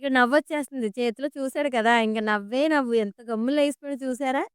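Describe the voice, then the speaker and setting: A woman's voice: sits high, quick pace, smooth, dry recording. A woman giving a chatty, amused voice-over for her home vlog, recorded close to the mic. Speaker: vlogger.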